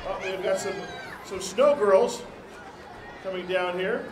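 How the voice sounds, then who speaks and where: A man's voice: high-pitched, takes it slowly. An American man doing live parade commentary as co-host, with cheerful, folksy banter. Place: outdoors at a street parade. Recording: echoey outdoor PA, crowd and street noise.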